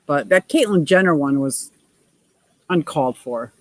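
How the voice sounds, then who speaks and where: Hosting a relaxed livestream, this woman in her 60s has a deep, animated voice and a measured pace, with no echo on the recording. She reads comments from viewers and laughs a lot, gushing playfully.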